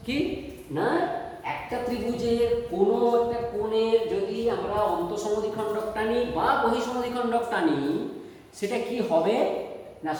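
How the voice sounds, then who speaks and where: A woman's voice: fairly high pitch, a little mellow. Teacher woman in an echoey room. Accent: Bengali. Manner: explains step by step, checks in with "ঠিক আছে?". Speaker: math teacher. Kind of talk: classroom math lesson. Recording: echoey room from far off, faint noise.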